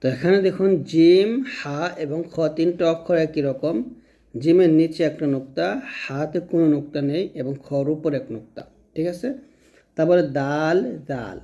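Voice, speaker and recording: A man teaching pronunciation as a patient teacher. He repeats each sound slowly so his learners can follow. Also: on the high side, dark tone, highs cut off. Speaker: Quran recitation teacher. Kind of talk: step-by-step pronunciation lesson.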